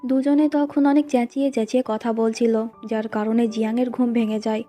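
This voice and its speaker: A woman with a fairly high but mellow, soft-edged voice tells a drama's story in an even, storytelling way. She reads the characters' lines in her own voice without acting them out. Faint music plays under her narration. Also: a little fast. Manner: plain recounting, reads quoted lines in the same voice.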